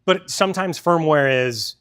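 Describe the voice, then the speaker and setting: A man's voice: a little high, unhurried, fairly bright tone, smooth. A man presenting a product in a store demo, talking casually and explaining technical details to a crowd.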